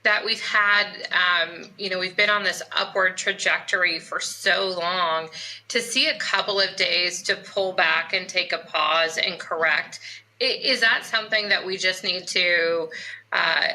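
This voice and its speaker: A woman hosting a weekly livestock market show, upbeat and quick as she introduces her guest and asks questions. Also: lowish voice, fairly even intonation, bright, forceful tone, poor audio. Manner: upbeat and quick, laughs easily. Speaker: host. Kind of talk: hosted market podcast.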